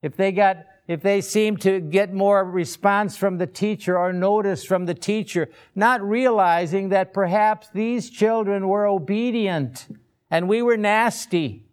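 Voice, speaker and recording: A man preaching a sermon, slow and deliberate, with emphatic rhetorical questions. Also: high voice, smooth.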